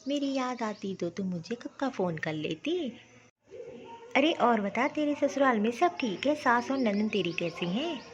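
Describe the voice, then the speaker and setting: A woman's voice: on the high side, animated, a little slow, dull audio, background noise. A woman voicing a worried older mother who doubts her newly married daughter's in-laws and warns her. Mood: reproachful. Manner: doubting, warning, soft-spoken.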